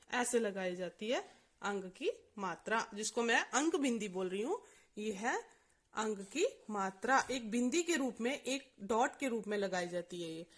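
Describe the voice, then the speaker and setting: A woman teaching a reading lesson, sounding out each letter one by one and asking and then answering her own questions. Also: on the high side. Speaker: Hindi teacher. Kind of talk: slow spelling-out lesson for children.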